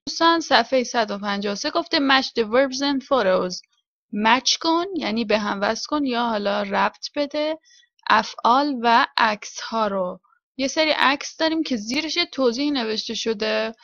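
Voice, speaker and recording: A woman with a Persian accent teaching an English textbook lesson. She reads English phrases slowly, often twice, then explains them quickly. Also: on the high side, fairly bright tone, no echo, highs cut off.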